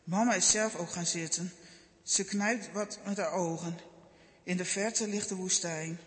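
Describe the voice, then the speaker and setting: A man narrating a children's Bible story in a gentle, measured storytelling manner. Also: high-pitched, steady tone, in a large hall.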